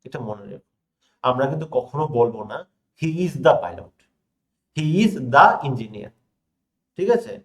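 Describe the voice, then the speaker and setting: A young man from India teaches a grammar lesson at an ordinary, middle pitch. He leans on key words, drags out the example sentences, and keeps checking in with rhetorical questions to his students. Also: animated. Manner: stresses words, reads example sentences slowly. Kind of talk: classroom lesson explaining examples.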